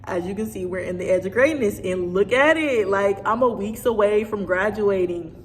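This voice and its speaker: A woman's voice: medium pitch, normal speed. A woman in her twenties talking casually to her viewers in a rambling vlog, often restarting and trailing off. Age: 20s. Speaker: vlogger. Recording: distant hall reverb, faint noise.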